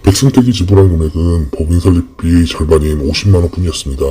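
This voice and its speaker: Anonymous voice disguised by deep pitch shift. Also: dark tone, husky. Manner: measured, formal, with frequent hesitant fillers. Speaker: anonymous fraud victim interviewee. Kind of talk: reading a prepared account in an interview.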